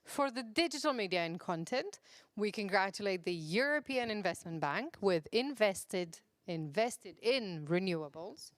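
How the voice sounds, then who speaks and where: A woman's voice: mid-range voice, animated, measured pace, no echo. Upbeat woman co-presenting awards, dry sound. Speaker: awards co-presenter announcing winners. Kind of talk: live awards presentation with informal commentary.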